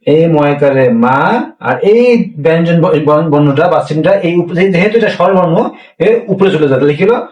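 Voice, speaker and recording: A man's voice: a little high, a little fast, muffled recording. A man teaching a language lesson, explaining pronunciation rules step by step, often asking a question and then answering it himself. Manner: repetitive, asks questions and answers them himself. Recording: echoey room, mic far off.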